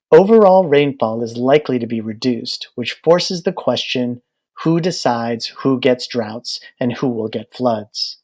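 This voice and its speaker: This is a man's audiobook narration, read from a script. His pitch sits in the middle range, his tone is a bit mellow, and he walks through the content in a steady, measured manner.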